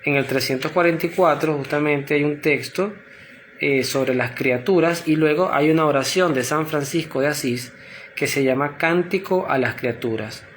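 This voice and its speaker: A man leading a spoken prayer and reflection, earnest and unhurried, speaking directly to God. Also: a little high, slight background noise. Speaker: prayer leader.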